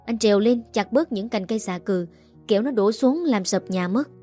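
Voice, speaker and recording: A woman voicing a young village husband who shouts urgent orders in a storm. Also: mid-range voice, lively intonation, moderate pace, faint music behind, lightly acted.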